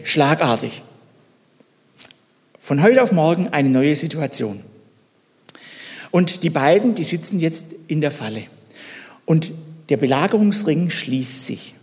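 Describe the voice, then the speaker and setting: A man preaching a sermon, telling a story and putting questions to the listeners, moving between loud and hushed delivery. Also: a little high, long reverb tail.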